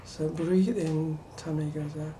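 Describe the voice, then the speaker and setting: A young woman with a low voice talks slowly and haltingly to a camera in a small bedroom. She mutters as if thinking aloud during a casual practice session, with faint room noise behind her. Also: fairly even intonation, warm tone. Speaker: voice trainee doing breathing exercises. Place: small cluttered bedroom, indoors.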